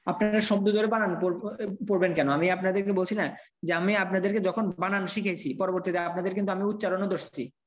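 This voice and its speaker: A man teaching a Quran reading class, patiently correcting students and spelling out letters slowly. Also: high voice, steady tone. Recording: dull lo-fi audio.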